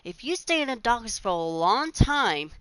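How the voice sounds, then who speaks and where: A woman's voice: fairly high pitch, very animated, moderate pace, fairly bright tone, clean tone, no echo, rough recording. A woman, rambling chattily over gameplay with restarts and giggles. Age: 20s. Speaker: gaming channel host. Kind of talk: casual gameplay commentary.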